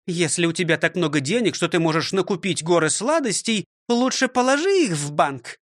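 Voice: mid-range voice, expressive, brisk, fairly bright tone, no room sound, clean studio sound. A reader voicing a strict elderly woman schoolteacher who scolds and commands, in an audiobook reading. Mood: stern. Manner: scolding, commanding, counts out exercises.

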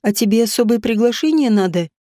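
Woman doing a dying witch mom, low breathy muffled voice, slow, dry close audiobook sound. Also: lively intonation, dark tone, no echo, close to an everyday voice. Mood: commanding. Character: dying noblewoman, a witch mother, stern yet tender.

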